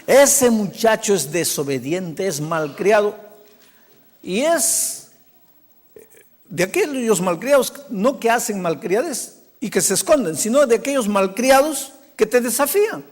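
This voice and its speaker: A man voicing a stern male pastor giving a slow, hushed warning. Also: high voice, expressive. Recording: long hall reverb.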